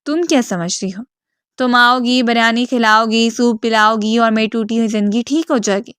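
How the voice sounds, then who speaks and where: A bitter, sick divorced man in his thirties scolds in a harsh storybook voice, a woman acting him out. The voice sits slightly high and sounds dry and close. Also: fairly even intonation, fairly bright tone, smooth, no room sound, close to an everyday voice. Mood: bitter, angry.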